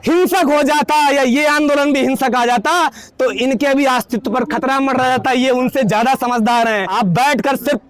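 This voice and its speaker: A man with a strikingly high voice delivers an impassioned protest speech outdoors. He speaks in a fiery, rhetorical way, firing off pointed lines and rallying the listeners. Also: moderate pace, hardly any pauses. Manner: fiery, rhetorical, leads chants.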